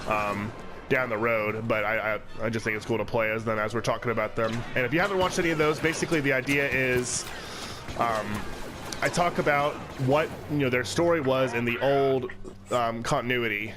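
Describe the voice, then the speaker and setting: Over background music, a man with a medium-pitched voice runs a let's play channel, talking a little fast as he plays. His commentary is loose and rambling, full of fillers and restarts. His voice sounds congested from a cold.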